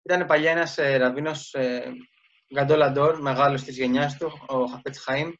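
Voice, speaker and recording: A man's voice: mid-range voice, fairly even intonation, a bit bright. A man telling a religious story in a casual daily talk, with many fillers and restarts. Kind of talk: casual spoken storytelling lesson. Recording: dull lo-fi sound.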